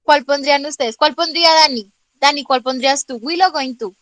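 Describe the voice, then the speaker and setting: A woman's voice: high voice, a little fast, fairly bright tone, dry recording, low-quality recording. A woman teacher explaining grammar in an online class, patiently checking understanding with frequent questions and calling on students by name. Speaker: English teacher.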